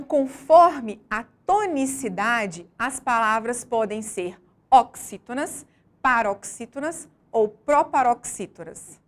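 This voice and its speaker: A woman teacher reading a scripted lesson slowly and deliberately, stressing each syllable as she explains. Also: a little high.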